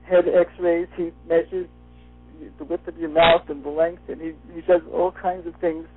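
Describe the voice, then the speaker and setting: A slightly rough, somewhat high-voiced man delivers a personal testimonial at normal speed in a flat tone while wearing a retainer. He's an interview guest on a phone call, and the muffled line has faint music behind it.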